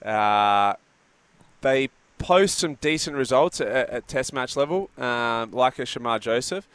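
A man's voice: medium pitch, expressive, takes it slowly, fairly bright tone, smooth, no echo. A man with an Australian accent hosting sports talk radio in a conversational style on a close studio mic. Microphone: close studio broadcast microphone.

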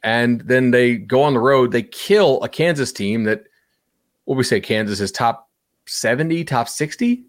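A man talking casually on a podcast as a sports betting analyst, animated and chatty with lots of fillers. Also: medium pitch, unhurried.

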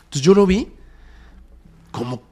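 A man's voice: mid-range voice, lively intonation, brisk. Mexican man telling a spooky tale. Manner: dramatic, drops to whispers and bursts of loudness. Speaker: podcast guest. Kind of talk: storytelling in a podcast interview.

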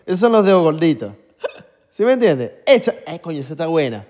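A man's voice: fairly high pitch, a little fast, in a large hall. A young man with a Venezuelan accent, chatting casually and joking as a podcast co-host. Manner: animated, joking, slangy. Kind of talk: casual chat.

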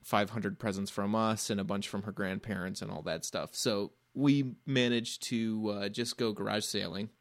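Low dry-voiced young dad chatting easily. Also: male voice, normal speed, hardly any pauses, no echo. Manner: relaxed storytelling, laughs easily. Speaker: podcast co-host. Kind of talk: casual chat. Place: home over a video call.

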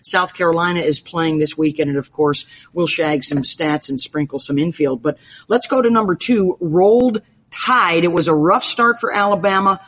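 A woman's voice: lowish voice, moderate pace, hardly any pauses, a bit bright, slightly rough. Upbeat woman hosting a sports show. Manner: upbeat, jokey, rattles off game schedules. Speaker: show host.

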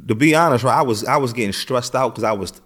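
This interview guest, a middle-aged American man, has a medium-pitched, slightly bright voice and talks fast. His storytelling is casual and streetwise, with repeated phrases and plenty of "you know what I'm saying."

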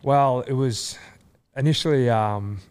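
A man's voice: medium pitch, a little slow, darkish tone, clear, resonant tone. A man from country Australia with an Australian accent, telling stories casually with lots of fillers and restarts. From country New South Wales, Australia. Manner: rambling with many fillers and restarts. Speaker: guest, former rugby league player. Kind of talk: casual storytelling.

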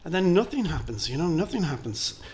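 A man's voice: fairly high pitch, very animated, fairly quick. Irish man explaining things over background noise. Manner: discursive, repeats words as he explains. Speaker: interview guest, film historian. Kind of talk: conversational explaining. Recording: clear background noise, ambient sound.

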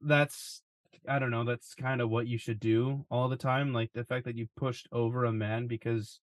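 A young man talks sports casually on a podcast with a relaxed, wry and sarcastic tone and the odd curse. His voice is mid-pitched and recorded dry and close. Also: normal speed, no echo. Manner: laid-back, wry, swears casually. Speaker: podcast co-host.

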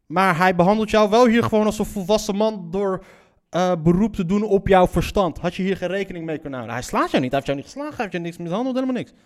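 A man's voice: high-pitched, quick pace. A man reacting to a story he reads aloud, blunt and incredulous, swearing and stumbling over repeated words. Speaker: reaction commentator. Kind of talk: reaction commentary.

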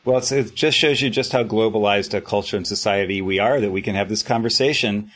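A man's voice: lowish voice, fairly quick, fairly bright tone. Polite man hosting an interview. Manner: polite, encouraging, long framing questions. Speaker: interviewer host. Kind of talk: interview questions.

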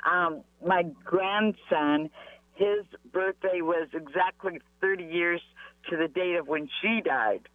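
A woman's voice: on the low side, takes it slowly, dry recording. An older woman speaks over a thin, tinny phone connection with no room sound. She is a caller, talking casually and personally in everyday conversation. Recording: thin, narrow phone line.

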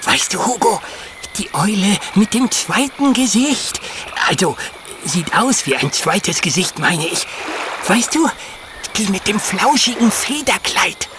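A man's voice: high voice, very animated, measured pace. An actor playing a friendly, long-winded male beaver in a children's audio drama, rambling on as he tells a story. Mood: gossipy. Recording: audible background noise.

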